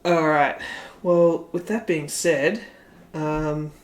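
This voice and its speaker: A man's voice: fairly high pitch, fairly even intonation, extremely slow. An Australian man co-hosting a podcast, chatting casually about sports in a rambling way, laughing often and saying "like" a lot. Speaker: podcast co-host.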